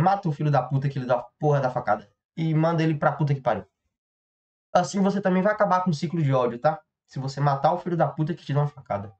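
Rambling, profane Brazilian podcast host. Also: male voice, on the high side, darkish tone. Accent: Brazilian Portuguese. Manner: profane, rambling, self-interrupting. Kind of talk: rambling comedic monologue. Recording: slightly dull lo-fi sound.

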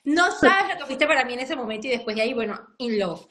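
A woman's voice: high-pitched, lively intonation, fast talker, a bit bright. A woman chatting casually on a live stream over a video call, effusive and gushing.

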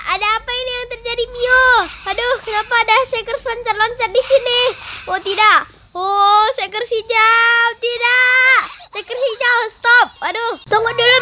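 A performer voicing an excitable young game character in a role-play, crying out in frantic panic. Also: very high-pitched, background noise.

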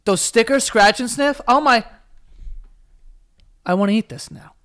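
A man co-hosting a casual podcast, cracking jokes in quick banter. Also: very high-pitched, fairly bright tone. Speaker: podcast co-host. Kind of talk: casual chat.

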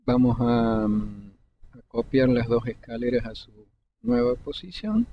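A man, calmly explaining each step of a 3D modeling tutorial over a screen recording, pausing between clicks. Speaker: 3D modeling instructor. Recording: dull lo-fi desktop mic with faint rumble.

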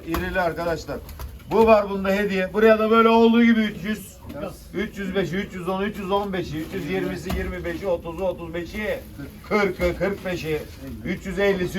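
A man's voice: high-pitched, fairly quick. A man working as a fish auctioneer, calling out weights and rising bids in a chant to buyers he addresses familiarly. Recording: distant noisy mic with clicks, birds.

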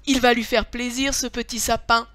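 A woman's voice: on the high side, little pitch movement, moderate pace, a bit bright, dry recording, natural voice. A woman voicing an eager, helpful male butler in a storybook. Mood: pleased.

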